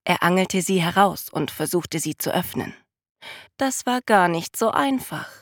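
A woman narrating a children's story aloud in a calm, lively storytelling manner. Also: on the low side, a little slow, no echo, clean studio sound.

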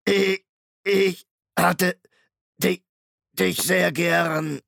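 A towering undead machine stalker, speaks in a high, stuttering, creaking drawl, each word dragged out slowly and pushed out loud, as if from a broken tape. The audiobook sound is dry, close and gravelly. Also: male voice, fairly even intonation, no room sound, heavily acted. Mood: eerie tender. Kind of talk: audiobook reading.

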